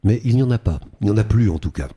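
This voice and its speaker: A man's voice: on the low side, animated, rapid-fire, warm tone, breathy edge, lo-fi sound. An older man, an actor being interviewed on radio, talking animatedly and slipping into character voices now and then. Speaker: guest actor.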